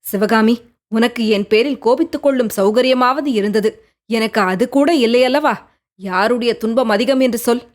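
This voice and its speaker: A woman's voice: a little high, normal speed, natural voice. A woman reading a tender young prince. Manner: gentle, pleading, questioning. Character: young prince, tender, coaxing, devoted lover. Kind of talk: audiobook character reading.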